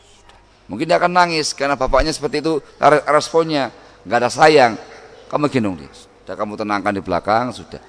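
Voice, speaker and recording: A middle-aged man preaching a sermon on family life, lively, acting out home scenes in sudden loud voices. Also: mid-range voice, brisk. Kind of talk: Islamic sermon.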